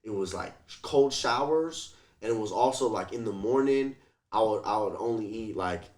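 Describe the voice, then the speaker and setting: A man with a lowish, slightly mellow voice chats casually as an interview guest at normal speed. His storytelling is animated, slangy and sweary, full of "like" and "you feel me," and he acts out what people said.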